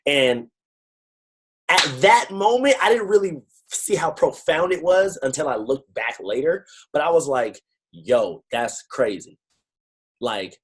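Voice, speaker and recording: A man's voice: mid-range voice, breathy edge, rough recording. Slangy man telling a motivational story. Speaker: network-marketing team leader. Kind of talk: casual motivational talk. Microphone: computer mic on a video call.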